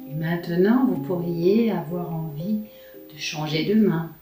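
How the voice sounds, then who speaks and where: A woman giving guided relaxation instruction as a face yoga teacher, in a soft, soothing, unhurried manner. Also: fairly low pitch. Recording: roomy echo, distant mic, music. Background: music.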